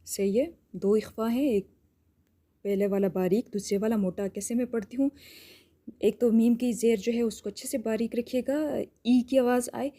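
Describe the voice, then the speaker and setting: A woman teaching Quran recitation rules. She explains each rule patiently and step by step, often checks in with "theek hai?", and stretches out words slowly to demonstrate. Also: fairly high pitch, fairly even intonation, dark tone. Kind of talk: tajweed lesson with slow drawn-out demonstrations.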